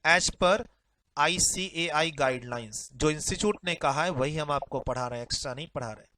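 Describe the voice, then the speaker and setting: A man's voice: on the high side, moderate pace, bright, forceful tone, rough recording. A male tax teacher, explaining exam updates directly to students, repeating his points and mixing in English phrases.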